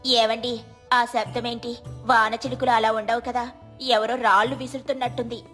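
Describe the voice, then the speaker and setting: A woman voicing a sensible, generous village farmer's wife who talks gently and persuasively. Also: fairly high pitch, little pitch movement, normal speed, faint music behind, lightly acted. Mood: alarmed.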